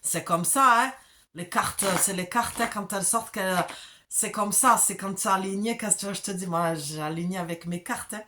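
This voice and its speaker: A woman's voice: medium pitch, moderate pace, background noise, close to an everyday voice. A woman putting on an exaggerated, jokey foreign accent as a cocksure card reader.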